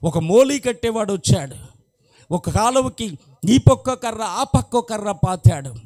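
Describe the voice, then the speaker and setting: Telugu pastor guy preaching a story, acts out the lines, voice kinda high but dark and mellow. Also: lively intonation, measured pace. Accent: Telugu from Andhra Pradesh. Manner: acts out dialogue in rising, emphatic bursts. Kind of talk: storytelling sermon.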